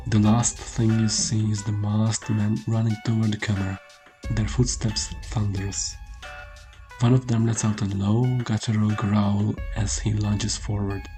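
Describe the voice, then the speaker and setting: Low-pitched man narrating horror over music. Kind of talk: scripted first-person horror narration. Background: prominent music under the voice.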